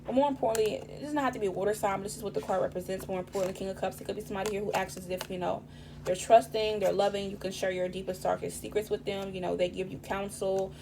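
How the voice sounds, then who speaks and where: Speaking quickly in a mid-range voice that's raspy this morning, a woman gives a casual tarot reading. She rambles loosely, swears often and leans on street slang, while a steady hum and background noise run under the recording.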